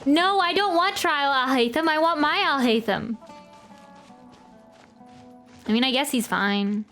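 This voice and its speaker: Speaking at a measured pace, a woman with a high-pitched, slightly bright voice narrates her game live. She reacts to the playthrough with exclamations and repeated short phrases, and game music plays in the background.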